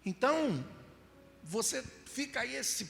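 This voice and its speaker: High, gravelly Brazilian pastor preaching live. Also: male voice, big pitch swings, takes it slowly, soft background music. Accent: Brazilian Portuguese. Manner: storytelling, acts out scenes with mock crying and voices, rising to shouts. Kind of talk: sermon. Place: church hall. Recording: live church hall with reverb.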